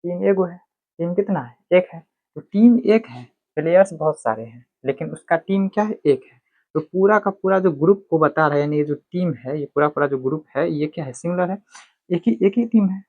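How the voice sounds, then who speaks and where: A man teaches a grammar lesson, asking himself questions and answering them step by step. His voice sits a little high. The sound is thin and phone-like, with no room echo. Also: moderate pace. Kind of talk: classroom lecture. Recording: tinny phone-like dry sound.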